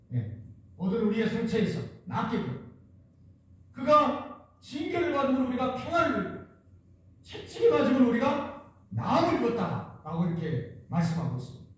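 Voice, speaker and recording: A man from the Jeolla region preaching a sermon, emphatic and repetitive, with many rhetorical questions. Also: extremely high pitch. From Jeolla region, Korea. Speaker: pastor. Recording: echoey church hall, distant mic.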